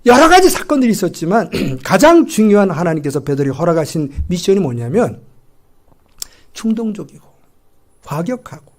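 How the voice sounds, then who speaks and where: A middle-aged man preaching a sermon as pastor, animated and full of rhetorical questions, acting out the dialogue he quotes. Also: high-pitched, normal speed. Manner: acts out quoted dialogue in lively voices. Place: church sanctuary.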